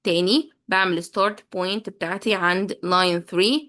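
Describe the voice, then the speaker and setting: A woman's voice: lowish voice, fairly even intonation, unhurried, a bit bright. Patient woman teacher, Egyptian Arabic accent. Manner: patient, repeats each point twice. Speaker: English teacher for children. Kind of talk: explanatory lesson.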